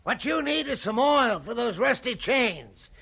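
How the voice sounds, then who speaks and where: A man's voice: extremely high pitch, sing-song, unhurried, vocal fry, bright, forceful tone, slightly rough, heavily acted. An actor playing a brash middle-aged American businessman who talks in a blunt, wisecracking, dismissive way. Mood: scoffing.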